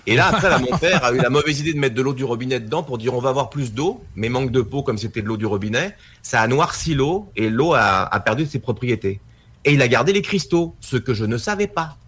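A man, a guest telling a personal story in a casual talk, lively and full of fillers. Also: mid-range voice, quick pace, husky. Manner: animated anecdote telling, with many fillers and acted quotes.

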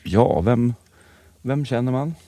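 A man co-hosting a podcast, telling stories in a joking, animated way. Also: medium pitch, no room sound. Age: adult with children. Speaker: podcast co-host. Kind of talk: casual podcast chat.

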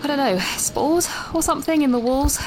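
A woman's voice: high voice, normal speed, background noise, lightly acted. An actress playing an anxious, chatty young British university student, out of breath and rambling as she leaves a voice message while walking outdoors. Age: young adult. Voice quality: rambling, self-interrupting, nervous. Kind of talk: audio drama voice note.

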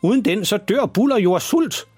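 A man's voice: high voice, expressive, breathy edge, no echo, faint music behind, voice pushed up. A man putting on a sour, bossy older neighbour woman. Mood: scolding. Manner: scolding, indignant, shouting. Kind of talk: children's audio story.

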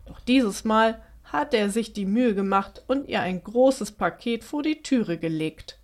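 A woman reading a children's story aloud in a gentle, expressive storytelling manner. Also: fairly high pitch, measured pace.

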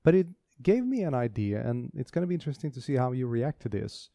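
A man's voice: mid-range voice, big pitch swings, quick pace, vocal fry, warm tone, dry recording, studio quality. A man co-hosting a casual tech podcast, talking with enthusiasm and frequent restarts. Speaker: podcast co-host.

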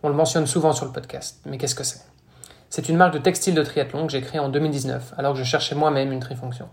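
A man who co-hosts a podcast, reading a scripted sponsor message in a brisk, smooth delivery. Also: fairly high pitch, steady tone. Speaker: podcast co-host and brand founder. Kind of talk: scripted ad read.

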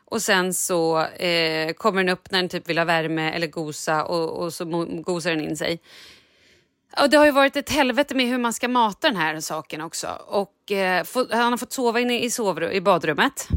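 A woman's voice: fairly low pitch, fairly bright tone, no echo, studio quality. A woman hosting a podcast in casual chat, telling a story with animation and acting out her own lines. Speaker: podcast host.

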